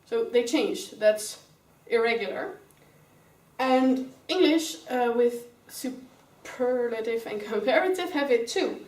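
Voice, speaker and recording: A young student teacher with a Dutch accent teaches an English grammar lesson step by step in a classroom, calling pupils by name. Her slightly high, darkish voice is expressive and slow, captured by a far-off mic with roomy sound.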